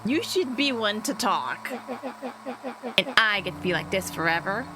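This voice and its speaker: A woman's voice: medium pitch, lively intonation, unhurried, background noise, lightly acted. A woman voicing a resentful boy turned into a monster, in a game playthrough. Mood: bitter. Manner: sulky and resentful.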